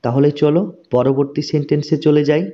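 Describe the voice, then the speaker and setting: A man teaching spoken English in a slow, patient way. He repeats each word and often checks that the learner has understood. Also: fairly high pitch, little pitch movement, lo-fi sound.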